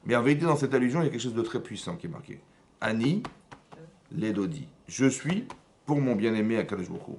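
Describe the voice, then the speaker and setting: A man with a French accent, a rabbi giving a lively Torah lesson in a synagogue, often asking his listeners questions and raising his voice to stress points. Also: fast talker, slight background noise. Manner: animated, asks the audience questions, rises in pitch and loudness to stress points. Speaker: rabbi teaching a class.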